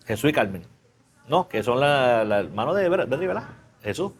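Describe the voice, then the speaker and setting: A man preaching in a relaxed, conversational way, teaching a Bible class and often asking the listeners questions. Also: mid-range voice, moderate pace, husky. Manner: casual, chatty, asks the class questions; mixes English fillers into Spanish.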